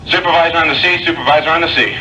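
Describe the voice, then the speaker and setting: A man's voice: on the high side, very fast, bright, forceful tone. A man working as an air traffic controller, giving terse, procedural instructions over the radio and repeating key phrases. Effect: radio transmission. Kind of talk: tower radio communications. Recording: noisy, distant control tower radio tape.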